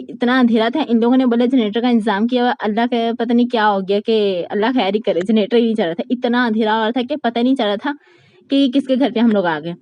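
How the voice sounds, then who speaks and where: A young woman with a Karachi Urdu accent, narrating a casual vlog in a fast, chatty way and laughing often. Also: a little high, no room sound, highs cut off. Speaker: vlogger.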